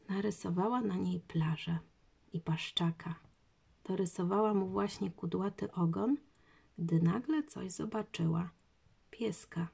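A woman narrating a children's audiobook in a calm, measured way. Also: lowish voice, creaky, breathy edge.

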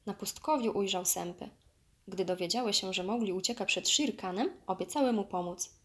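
A woman reading a children's storybook aloud in a lively, expressive way. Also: mid-range voice, normal speed.

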